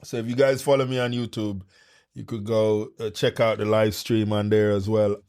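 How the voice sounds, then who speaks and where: A man hosting a casual podcast interview, enthusiastic with animated interjections. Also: lowish voice, normal speed, smooth. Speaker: podcast host.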